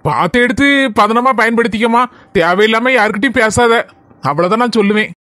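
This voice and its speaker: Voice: medium pitch, brisk, no echo, studio quality, natural voice. Voice actor playing a patient village father. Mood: gentle. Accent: Kanyakumari Tamil. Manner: gentle advice, patient. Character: caring, stoic village father. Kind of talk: cartoon voice acting.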